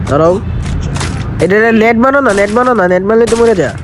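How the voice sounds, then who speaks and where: Male gamer, high voice, rattling off excitable repeated squad callouts, noisy gunfire behind. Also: quick pace. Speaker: player in a squad shooter match. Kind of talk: casual in-game squad chat with rapid callouts. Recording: noisy game audio with gunfire. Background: gunfire and vehicle sounds from game.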